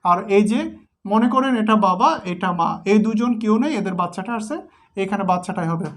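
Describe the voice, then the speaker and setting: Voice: medium pitch, brisk. Patient grammar teacher going step by step. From Bangladesh. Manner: patient, step-by-step, repeats each example. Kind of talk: explaining sandhi at a board.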